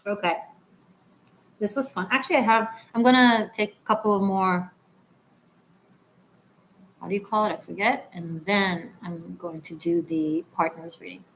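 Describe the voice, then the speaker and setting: This Israeli tarot reader talks in a mid-range voice at normal speed, pausing often as she hosts her casual livestream and responds to viewer comments. She stays relaxed and chatty, restarting frequently and letting asides trail off softly. Slight background noise comes through on a low-quality recording.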